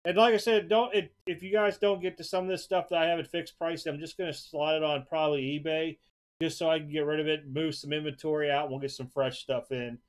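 A man's voice: fairly high pitch, steady tone, fairly quick. A man casually showing off trading cards for an upcoming auction, talking in an easygoing, rambling way at a desk at home. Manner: easygoing, rambling, repeats words. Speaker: sports card seller hosting an auction preview. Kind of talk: casual card showcase narration. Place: home card room, indoors.

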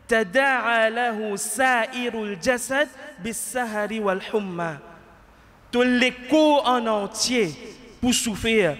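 A man's voice: extremely high pitch, fairly bright tone, in a large hall. A man in his thirties with a Mauritian Creole accent, preaching a Friday sermon in a mosque at a stand mic. He asks rhetorical questions with passion and shifts into Arabic recitation. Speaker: imam. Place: mosque prayer hall, indoors. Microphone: stand mic close to mouth.

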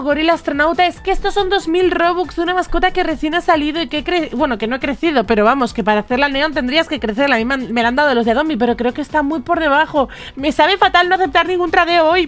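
High-voiced woman doing gameplay commentary. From Spain. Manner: animated and expressive, reacting aloud to trade offers. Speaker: gaming YouTuber.

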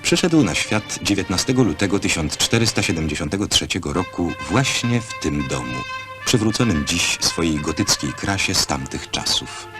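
A man's voice: sits low, lively intonation, moderate pace. A man narrating an old newsreel in a solemn, formal, scripted manner. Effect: old newsreel narration over music. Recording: archive film soundtrack with loud music behind. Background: music.

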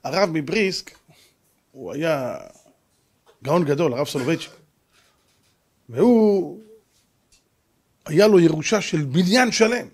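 A middle-aged man, a rabbi, preaching a sermon through a story, swinging from hushed narration to shouts. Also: on the high side, lively intonation, long pauses, slightly rough.

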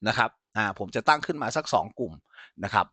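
In an animated, fast delivery with a voice on the low side, a man teaches software informally, one step at a time, frequently making sure the audience follows along. There's no room sound in the recording.

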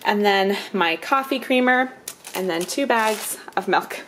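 A mid-range, slightly bright female voice speaks unhurriedly over faint background noise. She's a vlogger in her thirties with five kids, casually going through groceries in her kitchen and living room, laughing a lot and saying "um" and "like." The handheld camera sits at arm's length.

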